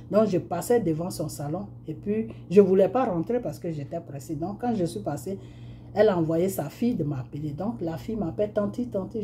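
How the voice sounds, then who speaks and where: A woman's voice: lowish voice, dark tone, slight background noise. A middle-aged woman from Côte d'Ivoire with an Ivorian French accent, sharing a personal testimony in a conversational storytelling manner and acting out the dialogue. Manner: conversational, acts out dialogue, frequent fillers.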